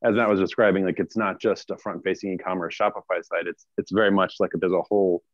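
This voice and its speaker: Fast-talking deep-voiced man on a call. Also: steady tone, no room sound, muffled recording. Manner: quick, casual, many "like" fillers. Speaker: startup cofounder. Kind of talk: video call interview. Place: small office.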